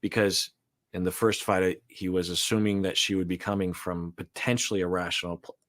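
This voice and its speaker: A man with a low, level, slightly bright voice talks briskly as a therapist co-hosting casual reactions to a reality show. Thoughtful and a bit hesitant, he explains relationship patterns.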